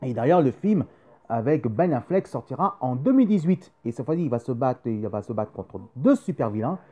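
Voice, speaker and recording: A man's voice: mid-range voice, very animated, a little fast, dark tone. A man hosting a casual video chat about comics and films, rambling with many fillers and repeating himself. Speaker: YouTube host. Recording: dull lo-fi sound with faint music.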